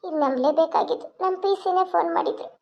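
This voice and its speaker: A woman's voice: extremely high pitch, fast talker, vocal fry. A woman voicing a young mother and police officer, tearful and tender as she says goodbye. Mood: anguished. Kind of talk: cartoon voice acting. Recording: dull lo-fi sound.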